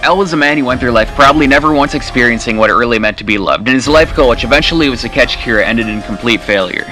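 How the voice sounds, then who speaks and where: Brisk, bright-voiced man hosting a top ten countdown. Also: mid-range voice, faint music behind, poor audio. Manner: blunt, casually profane. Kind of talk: top ten countdown, scripted opinionated commentary.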